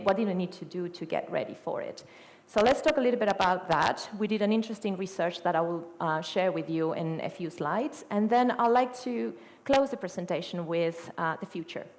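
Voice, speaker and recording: In a reverberant hall, a middle-aged woman from Argentina presents at a conference, speaking with an Argentine Spanish accent as a native Spanish speaker. Her fairly low, gravelly voice is punctuated by fillers, self-corrections and rhetorical questions.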